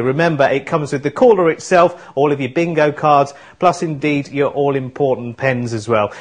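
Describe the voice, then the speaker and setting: A British man in his thirties presenting an upbeat sales demonstration in an enthusiastic, chatty way. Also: on the high side. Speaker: shopping channel presenter. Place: small indoor studio set.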